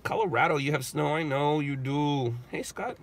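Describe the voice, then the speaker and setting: Live-streaming from his car as he drives, a middle-aged man, congested and sniffling, answers his viewers' chat questions out loud in a rambling, casual way. His voice sits on the high side at a normal speed, with slight background noise.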